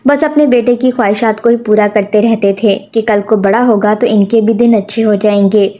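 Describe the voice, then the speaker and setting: A woman narrating a sad family story in a steady, emotional storytelling manner. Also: mid-range voice, highs cut off.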